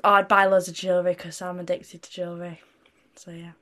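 A woman's voice: lowish voice, flat delivery, fast talker, bright, forceful tone. A teenage girl from Britain chats as an interview guest. She rambles through her answers, full of fillers, and keeps breaking into giggles. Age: teens. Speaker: interview guest, young singer. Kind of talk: casual interview chat.

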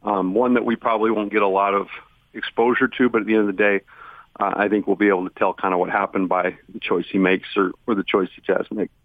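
A man's voice: on the low side, little pitch movement, fast, dry recording. An American man chatting casually as a phone-in guest on a radio show, with a joking manner. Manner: joking, banter with the hosts. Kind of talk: casual phone interview chat. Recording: tinny, narrow phone line.

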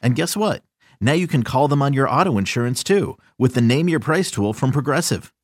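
A man reading a scripted podcast advertisement as an announcer, with a husky voice. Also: medium pitch, lively intonation, fairly quick, no echo, studio quality.

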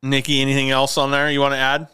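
Bright, crisp-voiced man in his forties. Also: medium pitch, completely flat delivery, fast, no room sound, clean studio sound. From Montana, USA. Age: 40s. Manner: easygoing, rambling, chatty. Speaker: podcast host. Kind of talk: casual chat about movies.

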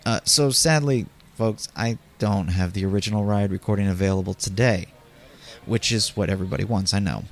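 Low-voiced man hosting a memory podcast. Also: a little fast. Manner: conversational storytelling, addressing listeners directly. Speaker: podcast host. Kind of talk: scripted podcast narration of personal memories.

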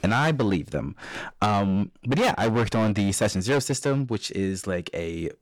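A man who is a game designer, chatting as a player, playful and animated, often laughing while telling stories. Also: lowish voice, normal speed, no echo. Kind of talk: casual chat.

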